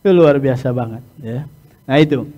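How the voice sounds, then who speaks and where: A middle-aged man giving a lesson to hajj pilgrims, talking in a lively way, often checking in with "ya" and chuckling, and sometimes acting out loud, high-pitched exchanges. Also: moderate pace. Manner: peppers talk with "ya" and chuckles. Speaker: hajj instructor. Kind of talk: religious lesson lecture.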